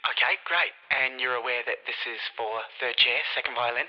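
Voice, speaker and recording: An actor playing a brisk, businesslike male audition coordinator. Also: medium pitch, steady tone, close to an everyday voice. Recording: muffled, faint noise.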